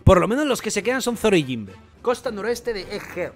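Animated high-pitched Spanish man reacting. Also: fairly quick, soft background music. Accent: Spain Spanish. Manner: animated, swearing, jokey. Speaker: manga reaction streamer. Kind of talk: excited reaction commentary.

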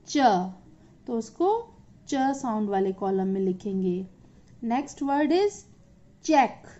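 A woman's voice: sits high, dark tone, dull audio. A woman teacher with an Indian accent, taking children through an English lesson and switching between English and Hindi as she explains. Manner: slow, deliberate reading aloud for kids.

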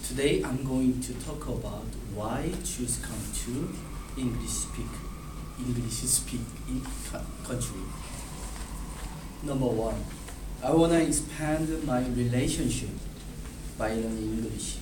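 This is a thirtysomething man from South Korea giving a class speech he reads from a script, halting and slow, with repeated and restarted words and hand gestures. He has a mid-range voice. The far camera yields roomy, noisy sound from the back of the classroom in front of a whiteboard.

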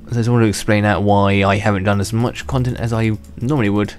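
Fast-talking and steady, with a lowish, slightly mellow voice, a young gaming channel host gives casual, wandering commentary while playing. He restarts his sentences and laughs to himself, sounding a bit worn from being unwell. Faint music plays under him.

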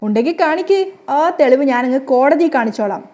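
A woman voicing a sharp-tongued young wife who mocks and argues back with quick retorts, in a storybook retelling. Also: high-pitched, animated, no echo. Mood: indignant.

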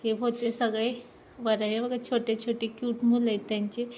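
A woman in her thirties chatting excitedly to viewers while filming a family ceremony at home on her phone. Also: a little high, moderate pace. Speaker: vlogger. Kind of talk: casual vlog narration. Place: at home during a family ceremony, indoors and outdoors. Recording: faint background noise.

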